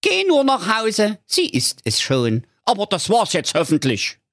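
A man's voice: sits high, wildly swooping pitch, unhurried, fairly bright tone, dry recording, studio quality, voice pushed up, heavily acted. A man doing a cranky talking dud bomb. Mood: offhand. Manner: grumbling, slangy, exasperated. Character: cranky slangy talking unexploded bomb, male.

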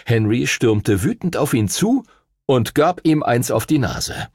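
A man narrating a children's adventure audiobook in an expressive, lively way. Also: medium pitch, measured pace, husky, no echo, clean studio sound. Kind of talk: scripted narration.

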